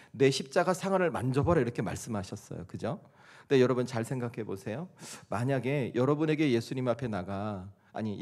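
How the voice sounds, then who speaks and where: Conversational Korean pastor preaching. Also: male voice, darkish tone. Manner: conversational, asks the congregation questions; rises to emphatic, higher delivery. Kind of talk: sermon.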